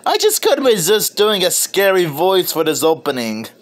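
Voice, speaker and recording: A man's voice: sits high, sing-song, normal speed. A man chatting playfully as a movie reviewer in a casual video review, stumbling over words now and then.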